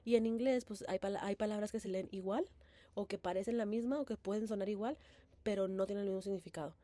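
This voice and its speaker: A woman's voice: medium pitch, steady tone, fast, warm tone. A young woman with a mid-range voice recaps a course in a student presentation. She talks with plenty of fillers and restarts, and often checks in with a questioning "right?". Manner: hesitant, many fillers and self-corrections. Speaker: bilingual education student presenting.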